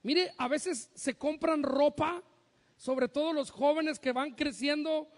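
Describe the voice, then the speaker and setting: A man's voice: very high-pitched, slow, in a large hall. A man preaching a sermon as pastor, humorous and acting out the voices of parents and sons.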